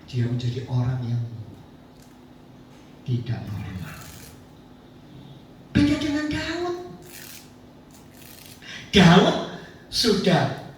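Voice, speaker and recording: A man's voice: on the high side, expressive, very slow, pauses often, slight background noise. A man pastor, preaching a sermon as a storyteller, asking the congregation rhetorical questions. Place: church sanctuary, indoors. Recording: echoey church hall, mic at a distance.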